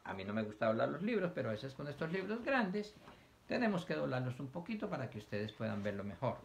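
A man's voice: medium pitch, sing-song, quick pace, gravelly, slight background noise. A man teaching young children, reading a picture book aloud, asking them questions and acting out sneezes and coughs.

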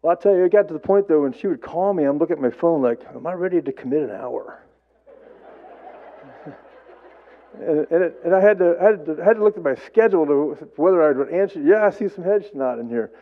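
A man giving a eulogy to an audience, telling stories in a rambling, halting way with repeated words and folksy humor. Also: on the high side. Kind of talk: storytelling speech to a gathered audience. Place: memorial service, before an audience. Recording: tinny phone-like sound.

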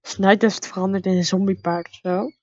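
Excitable woman playing a horse game. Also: mid-range voice, brisk, no room sound, highs cut off. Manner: excitable, calling out to her horse. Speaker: let's play gamer. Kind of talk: casual game commentary, reading dialogue aloud.

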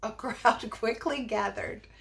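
A woman's voice: fairly high pitch, takes it slowly, creaky, fairly bright tone, a little hiss or hum. A woman, a teacher, reading a children's novel aloud expressively, with chatty asides.

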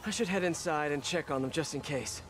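A man's voice: a little high, fairly quick, heavy background noise, close to an everyday voice. An actor voicing a quippy, self-deprecating young male superhero in a video game. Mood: wry, focused. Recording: game music behind the voice.

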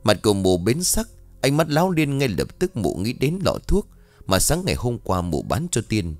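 A man narrating a ghost story with dramatic, expressive delivery. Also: on the low side, normal speed, dry recording. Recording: soft background music.

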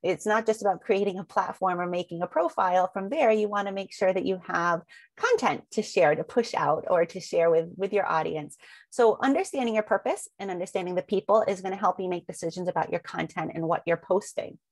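Her pitch is fairly low and her pace a little fast, captured in a dry recording. The woman is presenting a slide webinar, asking a long run of rhetorical questions with frequent ums while sounding mildly sniffly from allergies.

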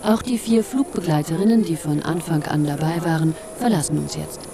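A woman's voice: low voice, fairly quick, a crowd in the background. A woman reading scripted documentary narration as a voice-over. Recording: clear aircraft noise behind narration. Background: aircraft and airport ambience.

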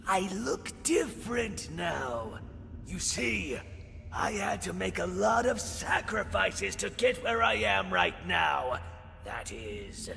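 An actor playing a vengeful undead skeleton boss in a video game, gloating with slow, theatrical villain menace. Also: male voice, sits high, vocal fry, sharp tone, heavily acted. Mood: bitter menace. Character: vengeful undead skeleton crime boss, evil twin brother. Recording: long cavernous reverb, game music underneath.

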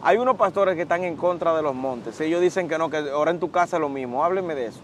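A man's voice: fairly high pitch, fast talker, slight background noise. A young man interviewing a preacher outdoors on a beach, eagerly echoing and prompting him. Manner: eager, echoes answers. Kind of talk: casual interview with agreeing interjections.

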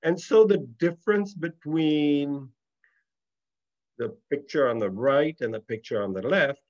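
A man's voice: fairly high pitch, unhurried, a little mellow. An older man giving an online lecture with slides over a video call, explaining plainly with a little humor, heard as a screen recording. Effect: video call audio from a screen recording. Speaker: guest speaker. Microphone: computer mic on a video call. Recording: dull lo-fi video call audio.

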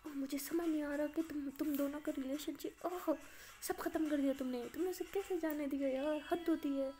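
Woman doing a shrill, frantic college girl. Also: steady tone, fairly quick, mellow, lightly acted. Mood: exasperated. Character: excitable young female college friend, frantic.

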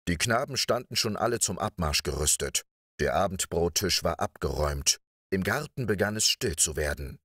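A man calmly narrating a bedtime audiobook story in a measured way. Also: sits low, husky, no room sound, studio quality. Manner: measured, calm.

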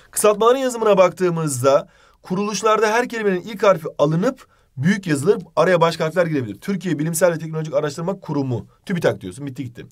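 A man teaching an exam-prep grammar lesson, speaking directly to his students and running through examples in quick lists. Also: a little high. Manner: direct, addresses students informally.

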